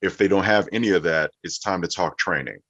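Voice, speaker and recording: Speaking briskly in a low, somewhat bright voice, this male interview guest, who works as a voiceover actor and coach, answers questions in a conversational way. Echo fills the room, and the sound comes across dull and muffled.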